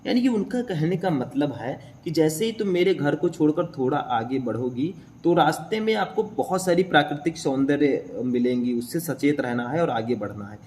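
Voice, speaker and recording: A man's voice: a little high, lively intonation, moderate pace, few pauses, a little mellow, a little hiss or hum. A young man teaching a class, explaining a poem line by line and often checking in with his listeners.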